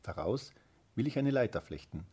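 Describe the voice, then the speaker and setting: A man voicing a gentle young maiden in a fairy tale reading, soft and earnest, with a husky low voice. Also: expressive, moderate pace. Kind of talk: storybook reading.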